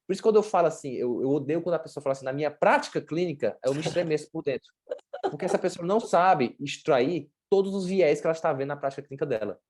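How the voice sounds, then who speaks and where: Deep-voiced and dark in tone, this woman races through her sports nutrition workshop with lively intonation, and a slight hiss or hum sits in the recording. She has a Brazilian Portuguese accent and teaches informally, bluntly and chattily, using slang and acting out examples.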